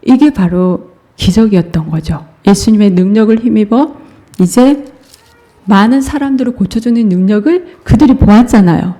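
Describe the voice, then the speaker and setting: A woman preaching a Sunday sermon in church, telling the scripture story with lively, chuckling delivery. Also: medium pitch, normal speed. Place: church sanctuary.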